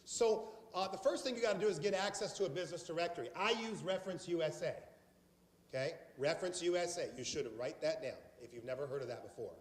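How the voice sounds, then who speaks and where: A man from South Carolina with a South Carolina accent, giving a blunt, emphatic sales training seminar to a live audience. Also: high-pitched. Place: large meeting hall before a live audience. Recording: echoey hall reverb.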